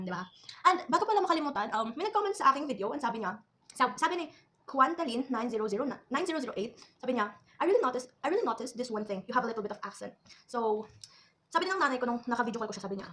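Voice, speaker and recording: A woman's voice: a little high, a bit bright, slight background noise. A young woman from the Philippines chatting casually while eating on camera, with teasing asides between bites. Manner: talks between bites, chewing. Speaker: food vlogger. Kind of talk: casual mukbang chat.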